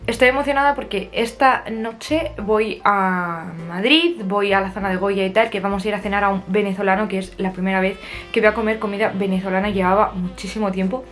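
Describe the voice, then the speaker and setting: A young woman from Spain, a little husky from a cold, chatting casually and self-mockingly to her camera in her bedroom. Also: medium pitch, fairly even intonation, a little fast, a bit bright, faint music behind. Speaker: vlogger. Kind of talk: casual vlog chat to camera. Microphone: camera at arm's length or on the desk.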